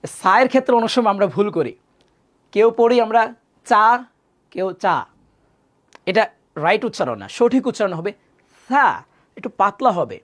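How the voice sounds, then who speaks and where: বাংলায় হরফ শেখানো উৎসাহী পুরুষ শিক্ষক. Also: male voice. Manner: demonstrates Arabic letter sounds loudly, then explains in a lower voice; addresses viewers directly, asks them to repeat after him. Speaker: Quran teacher. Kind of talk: live online Quran pronunciation lesson.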